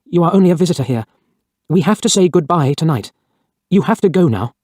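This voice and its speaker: A man voicing a sad, gentle young village woman in a storybook reading, giving soft, pleading warnings. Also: fairly high pitch, animated, brisk, no room sound, clean studio sound, pitched above the performer's own voice. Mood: sad, urging.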